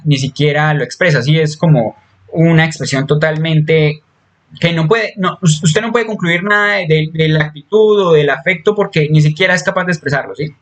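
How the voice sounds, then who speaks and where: Guy lecturing, kinda high voice, lots of "eh" and restarts, keeps asking "¿sí?". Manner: explains with many fillers and restarts, checks in with "¿sí?". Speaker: psychology lecturer. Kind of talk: recorded online class.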